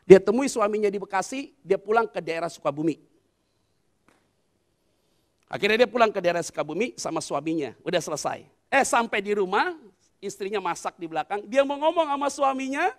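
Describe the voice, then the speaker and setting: A male pastor preaching a sermon. He tells a story, acts out the dialogue and calls on the congregation to respond. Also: extremely high pitch.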